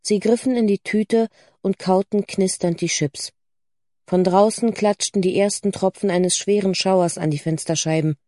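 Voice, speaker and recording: A woman narrating a children's book in a calm, even way. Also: mid-range voice, moderate pace, dry recording, studio quality. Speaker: audiobook narrator. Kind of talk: scripted narration.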